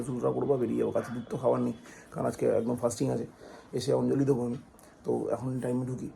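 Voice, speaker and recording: Hoarse fast-talking Bengali man. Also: mid-range voice, warm tone, a little hiss or hum. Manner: chatty, scolding his dog and child in a raised voice. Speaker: vlogger. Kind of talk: casual vlog chat. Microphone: phone held by hand.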